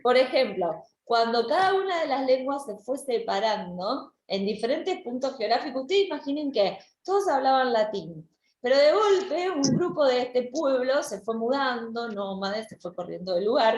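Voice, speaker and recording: A woman's voice: on the high side, animated, normal speed, reverberant. Argentine woman teaching a language class. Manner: explanatory, with many restarts and repeated words. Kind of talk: online class lecture.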